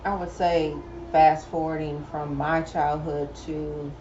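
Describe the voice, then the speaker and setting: A woman's voice: sits low, level tone, takes it slowly, warm tone, a little hiss or hum. A woman in her thirties sharing her own story in a firm, earnest way during a casual chat. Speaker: podcast co-host. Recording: roomy, distant, slightly dull sound.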